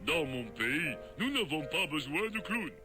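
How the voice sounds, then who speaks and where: A male actor voicing a cold, deadpan Eastern European Nobel laureate in an adventure game, speaking curt and dry. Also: on the high side, a little slow. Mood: stern, deadpan. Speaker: game character. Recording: game audio with clear background music.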